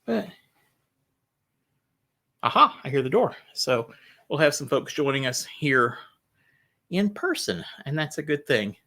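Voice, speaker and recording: A man's voice: mid-range voice, animated, unhurried, gravelly, pauses often, bright, forceful tone. A pastor talking casually to his livestream Bible study from a small church room, rambling a little with restarts. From United States. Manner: chatty and rambling, with restarts and laughs.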